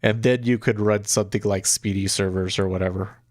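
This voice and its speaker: A man's voice: lowish voice, steady tone, brisk, a little mellow, dry recording, studio quality. A man with a blocked, congested nose after nose surgery, sounding sick as he chats casually while hosting a livestream. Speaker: day trading livestream host.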